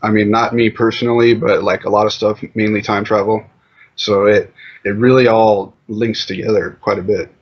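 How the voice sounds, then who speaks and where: A man's voice: lowish voice, little pitch movement, moderate pace. A man being interviewed, talking in a loose, rambling way with lots of fillers. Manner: loose, rambling, heavy on fillers like "you know". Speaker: interview guest. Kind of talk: casual conversational interview. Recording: muffled lo-fi audio.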